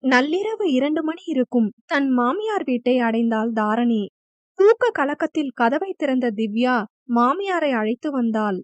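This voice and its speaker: A woman's voice: sits high, lively intonation, measured pace, dry recording, highs cut off. A woman narrating a romance novel audiobook, acting out each character's heated lines. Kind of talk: dramatic novel reading with dialogue.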